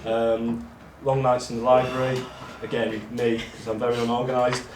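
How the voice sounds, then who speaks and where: A man speaks in a flat, monotone voice, rambling and poking fun at himself as he addresses his friends. His voice sits at an ordinary middle pitch. The room is echoey, with a faint hiss of noise underneath. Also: normal speed. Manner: self-deprecating, rambling with ums. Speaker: award speech giver among friends. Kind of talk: casual speech read to friends.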